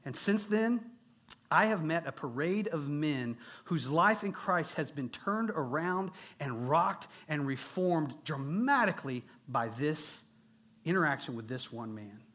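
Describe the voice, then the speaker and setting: A man preaching a sermon as pastor, emphatic and rhythmic, with dramatic pauses and soft dips for emphasis. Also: on the high side, lively intonation.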